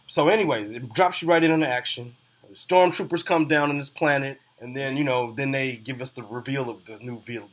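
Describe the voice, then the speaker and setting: A man in the middle of his vocal range talks through a movie review in a loose, conversational way. He leans on plenty of fillers and restarts, and his voice drops off softly at the ends of phrases. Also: medium pitch, husky. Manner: uneven loudness, trailing off quietly at phrase ends. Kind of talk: casual spoken film review.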